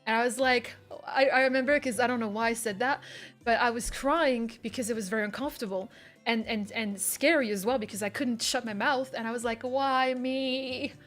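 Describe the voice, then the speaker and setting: A woman streamer chats candidly with her viewers, rambling and often restarting her sentences. Her voice sits a little high. Faint music plays behind her. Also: brisk, fairly bright tone. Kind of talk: casual chat with livestream viewers.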